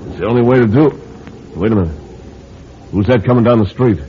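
An actor playing a cold, decisive bandit leader with folksy western wording in an old radio drama. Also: male voice, medium pitch, fast talker, close to an everyday voice. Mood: scheming. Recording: muffled, noisy vintage radio recording.

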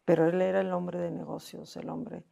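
A woman's voice: fairly low pitch, level tone, moderate pace, creaky, mellow. A middle-aged Mexican woman, a guest in an interview, telling a personal story with emotion, often repeating herself and acting out what others said to her. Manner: repetitive, acts out quoted voices.

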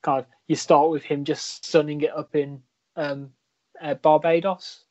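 A man's voice: on the high side, level tone, a little slow, darkish tone, dry recording, muffled recording. A man co-hosting a casual football podcast, rambling and hedging as he thinks aloud. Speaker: podcast co-host.

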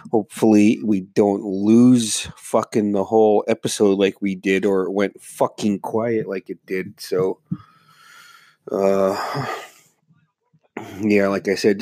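A man's voice: on the low side, dark tone. A man hosting a casual solo podcast, congested and muffled from being sick, rambling along in a laid-back way with plenty of swearing. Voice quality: muffled, congested, stuffy-nosed. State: under the weather with a stuffy nose and slight cough. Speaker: podcast host.

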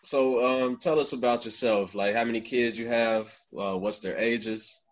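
A man's voice: mid-range voice, steady tone, measured pace. A man co-hosting a casual interview, asking brief, easygoing questions. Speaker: co-host.

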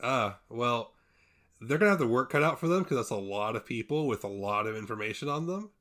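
A man's voice: mid-range voice, animated, brisk, fairly bright tone. A young man in his twenties co-hosting a podcast, chatting casually and joking with playful pomp. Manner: jokey, playful pomp in mock titles. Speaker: podcast co-host. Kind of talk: casual chat.

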